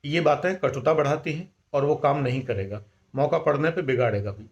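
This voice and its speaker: An older man giving calm, measured life-management advice and mixing in English words. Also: on the high side, muffled recording.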